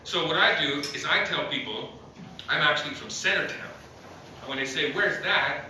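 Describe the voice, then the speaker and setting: A man works through a loose stand-up set, rambling and laughing at his own punchlines. His voice is bright and sits a little high for a man. It reaches the mic from a distance and echoes around a hard room, with faint noise underneath. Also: normal speed. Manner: rambling, chuckles at his own jokes, lots of uh. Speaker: stand-up comedian. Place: small comedy club, no live audience.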